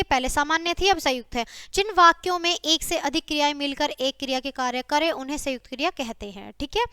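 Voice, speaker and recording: High, bright-voiced woman teaching grammar. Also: dry recording, clean studio sound. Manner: says "ठीक है" often, addresses students as "बच्चा"; reads out example words and sentences one by one. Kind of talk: classroom grammar lesson.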